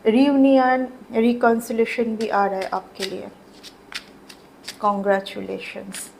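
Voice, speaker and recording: A woman's voice: on the high side, little pitch movement, takes it slowly, vocal fry, darkish tone, slight background noise, poor audio. A woman giving a casual tarot reading to her viewers, chatty and repeating her phrases, mixing English words into Hindi. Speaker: tarot reader.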